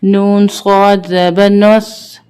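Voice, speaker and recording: Very clear-voiced woman teaching recitation. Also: mid-range voice, little pitch movement, mellow. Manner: drawn-out syllable-by-syllable spelling, quick asides when explaining. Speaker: Quran reading teacher. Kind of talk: slow spelled-out recitation lesson.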